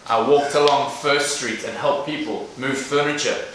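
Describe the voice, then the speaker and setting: With a medium-pitched, fairly bright voice at a moderate pace, a South African man in his thirties gives an earnest motivational speech as a guest speaker, speaking directly to the crowd. The recording carries the echo of a large event room, a distant mic, and faint noise.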